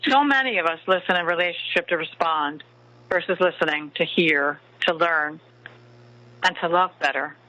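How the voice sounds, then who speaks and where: A man giving a slow inspirational talk in the style of a guided meditation, with deliberate, spaced phrasing and pauses. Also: on the high side, sharp tone, no echo, low-quality recording. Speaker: spiritual teacher and meditation host.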